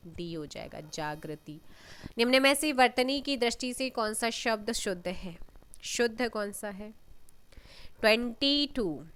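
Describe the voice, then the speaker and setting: A woman teaching an exam-prep lesson, reading out questions and giving answers, often clearing her throat. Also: medium pitch, a bit bright. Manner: unhurried, reads questions then gives answers, frequent throat clearing.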